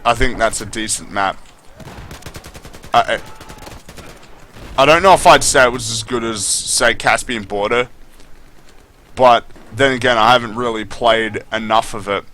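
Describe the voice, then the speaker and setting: A man's voice: mid-range voice, sharp tone, slight background noise. A man giving unscripted, opinionated game review commentary as a video host, speaking bluntly with casual swearing.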